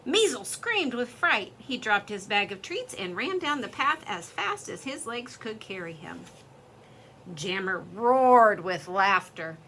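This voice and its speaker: A woman reading a children's story aloud in an expressive, lively storytelling way. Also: on the high side, measured pace, few pauses, a little hiss or hum.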